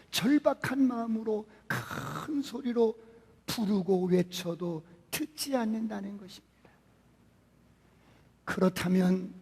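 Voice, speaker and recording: A male pastor preaching a sermon, asking many rhetorical questions and swinging between quiet and loud. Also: high voice, husky. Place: church sanctuary. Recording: long church hall reverb.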